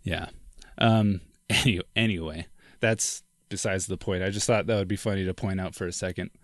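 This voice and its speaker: A man's voice: deep voice, fairly even intonation, normal speed, no echo, clean studio sound. A young man co-hosting a podcast, chatting casually about a film, with lots of "like" and "dude" and frequent laughs. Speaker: podcast co-host. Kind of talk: casual film discussion chat.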